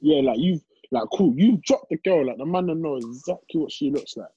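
A man's voice: a little high, animated, a little fast, dark tone, a little hiss or hum. A young man with a London roadman accent, chatting casually in slangy, incredulous street banter. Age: young adult. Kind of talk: casual chat. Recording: muffled, roomy sound.

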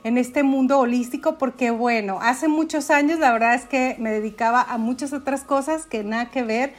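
A woman's voice: high-pitched, moderate pace. A woman with a Mexican accent, a podcast guest telling her story in casual, chatty conversation. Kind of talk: casual chat.

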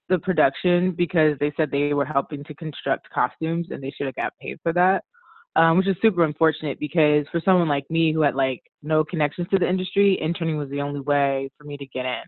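A woman's voice: deep voice, moderate pace, dry recording. Woman guest, DC-area native, casual and talkative, heard over a thin dry phone-quality line. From Washington DC area, USA. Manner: relaxed, chatty, frequent "like" and "um", laughs often. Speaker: guest, costume designer. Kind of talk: casual conversational interview.

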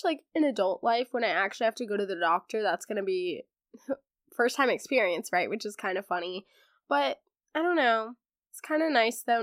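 A teenage girl hosts a podcast in a bright-edged, medium-pitched voice, sounding stuffy as she gets over laryngitis. She chats casually, with a sarcastic streak and plenty of filler words. The studio recording is clean and free of echo.

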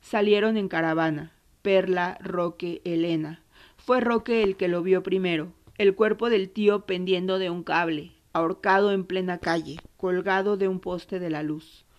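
A woman with an Argentine accent reading literary nonfiction in a measured, somber way. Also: lowish voice, steady tone, highs cut off. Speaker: narrator.

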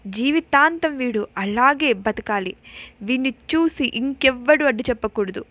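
A woman's voice: high-pitched, expressive, measured pace, a bit bright, dry recording, lo-fi sound. A woman voicing a cruel village villain. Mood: menacing. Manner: menacing, threatening.

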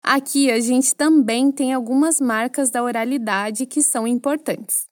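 A woman with a Brazilian Portuguese accent teaching a French lesson, explaining phrases clearly and asking the listener to repeat after her. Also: high-pitched, a little slow, no echo, clean studio sound.

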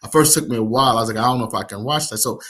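Halting man from Nigeria, many fillers. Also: mid-range voice, a bit bright. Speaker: app founder. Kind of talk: casual interview talk.

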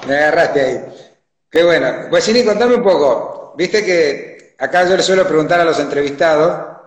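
A man's voice: fairly high pitch, moderate pace. Chatty man in an echoey room. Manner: chatty, encouraging, laughs easily. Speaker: interviewer, host. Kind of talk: casual interview conversation. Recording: echoey room with long reverb.

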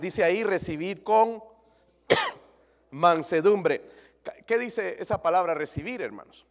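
A man preaching a sermon to his congregation, swinging from loud pleading to quiet confiding, with jokes and questions to the listeners. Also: sits high, in a large hall. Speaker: pastor.

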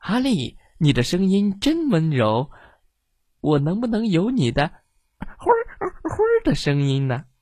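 An eager little turkey , put on by a woman reading aloud, begging the other farm animals in a lifted, coaxing storybook voice. The sound is close and dry, with no room around it, and the pitch swings widely. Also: huge pitch swings, measured pace, dry recording, heavily acted. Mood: pleading. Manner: bright, coaxing, higher than narration. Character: eager young male turkey chick, pleading.

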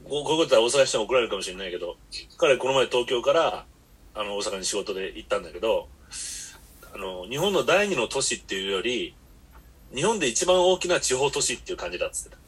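A man's voice: mid-range voice, very animated, fast, a bit bright, husky. A man hosting a podcast, telling long rambling stories in blunt casual chat. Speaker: podcast host.

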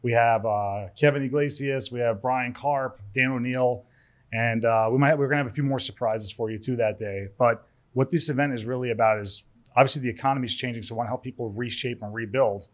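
A man's voice: medium pitch, fairly quick. Chatty man rambling with repeated starts. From Cyprus. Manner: rambling, repeats words, laughs easily. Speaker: event organizer, studio owner. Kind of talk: casual podcast chat.

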